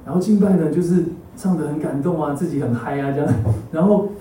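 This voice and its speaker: Male preacher, quick and slightly high, warm dark tone, mixes in English, echoey church hall mic. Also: recorded from a distance, a little hiss or hum. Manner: drops English words into his Mandarin; animated storyteller who keeps asking the congregation for agreement. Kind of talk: sermon with personal testimony.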